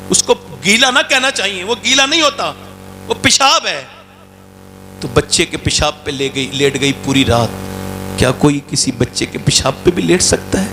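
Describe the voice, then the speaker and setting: A man's voice: pushed and bright, slight background noise. A man preaching an emotional sermon as a dramatic storyteller, acting out the voices in his stories with sweeping rises and falls. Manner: dramatic, acts out quoted voices with big pitch swings. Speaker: Islamic preacher.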